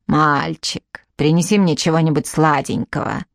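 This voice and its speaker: A woman voicing a blind, ill-tempered old woman in an audiobook, growling slowly and scornfully. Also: sits low, fairly even intonation, creaky, no echo, clean studio sound. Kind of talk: audiobook character reading.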